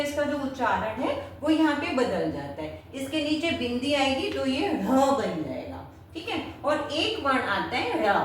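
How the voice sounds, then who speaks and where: A woman teaching a beginners' lesson, patiently explaining step by step and checking in with the learners. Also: sits high. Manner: patient, repeats "ठीक है" and checks with questions. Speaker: Sanskrit teacher. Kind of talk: explaining at a whiteboard. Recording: very echoey room, mic far off, faint noise.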